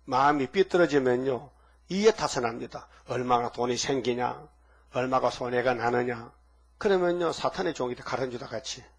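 A man's voice: mid-range voice, moderate pace, slightly rough. An older man preaching a sermon in a folksy, conversational way, firing off rhetorical questions and acting out quoted lines. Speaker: pastor.

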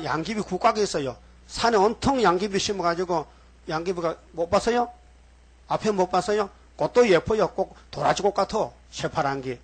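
A man's voice: fairly high pitch, breathy edge. A man preaching as a pastor in a church, in a rambling style that keeps putting questions straight to the congregation. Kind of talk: sermon.

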